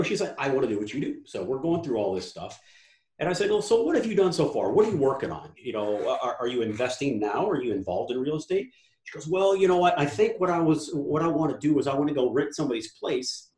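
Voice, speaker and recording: Podcast guest, male, animated and blunt, raised voice, roomy echo. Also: fairly high pitch. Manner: animated storytelling, swears freely. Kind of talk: casual podcast conversation.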